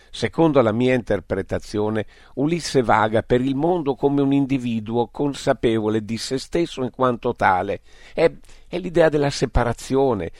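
A man voicing a large, calm, philosophical alien creature that speaks in a measured, courteous way. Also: medium pitch, dry recording, studio quality, pitched above the performer's own voice, close to an everyday voice.

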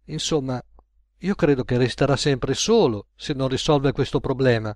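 A man's voice: medium pitch, moderate pace, darkish tone, dry recording, clean studio sound, close to an everyday voice. A man voicing a blunt, weary middle-aged woman cashier who lectures frankly, in a storybook reading.

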